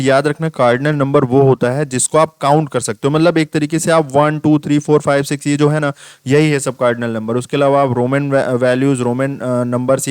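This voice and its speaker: A man tutoring for an exam in a casual lecture, explaining step by step, reading each question out slowly. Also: mid-range voice, smooth, dry recording. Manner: explains step by step, repeats "ठीक है" often; reads English questions out slowly.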